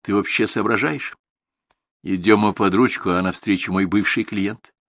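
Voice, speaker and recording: A man reading an audiobook, voicing a calm, matter-of-fact young woman who answers plainly and evenly. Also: on the low side, normal speed, no echo, clean studio sound. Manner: plain, level, shrugging.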